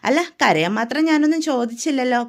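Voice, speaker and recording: A woman's voice: high-pitched, lively intonation, fast talker. A woman voicing a caring older sister who patiently advises and warns her younger sister. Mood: advising. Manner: patient, advising, repeated questions.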